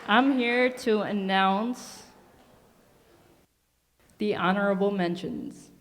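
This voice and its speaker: A woman's voice: medium pitch, slow. A woman presenting awards as a fashion show emcee, speaking to a live crowd. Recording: echoey hall, faint crowd noise. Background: crowd and event ambience.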